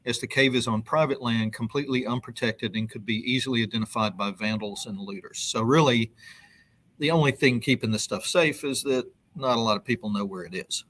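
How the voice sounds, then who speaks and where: Halting middle-aged man explaining on a call. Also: mid-range voice, a bit bright. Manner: loose, halting delivery with many ums and restarts. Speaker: news reporter interviewed as guest. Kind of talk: conversational explanation on a live web show. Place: indoor room with brick wall. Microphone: video call webcam.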